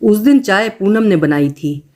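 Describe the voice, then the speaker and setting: A woman's voice: medium pitch, animated, a little slow, darkish tone. Woman reading a short story aloud.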